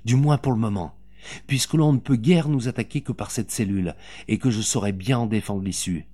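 A man's voice: on the low side, fairly quick, mellow, lightly acted. A man reading an audiobook, voicing a fierce, protective mother with commanding force. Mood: tender.

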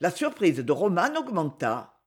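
High, expressive male audiobook narrator. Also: unhurried, husky.

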